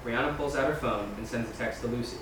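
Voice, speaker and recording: A man delivers a table read's scene directions aloud as narration, his medium-pitched voice moving fast. The space is a large echoey room, and the mic is far away. Expect echo and room noise in this distant recording.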